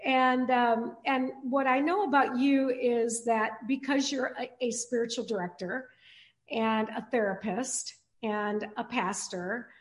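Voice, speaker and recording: A woman with a somewhat high voice hosts a podcast conversation. She talks in a halting way, stopping and restarting with lots of fillers. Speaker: podcast host and pastor. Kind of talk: casual interview chat.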